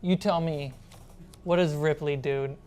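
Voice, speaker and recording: A woman acts as game master for a tabletop role-playing game, narrating scenes and answering her players over background music. She speaks in a low, steady, mellow voice at a measured pace.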